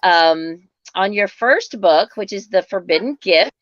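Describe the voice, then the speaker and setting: A woman hosts a casual live-stream book interview, heard through a phone mic that makes the audio dull and dry with no room sound. Her medium-pitched voice is animated and a little slow, and she chats upbeatly with lots of fillers and restarts.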